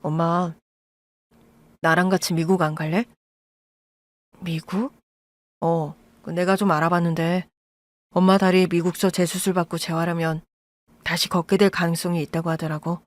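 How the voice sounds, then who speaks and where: A woman voicing a calm, protective adult son who speaks low and steady, in an audio drama. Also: normal speed, pauses often, dry recording, close to an everyday voice. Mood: gentle. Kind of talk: Korean audio-drama acting.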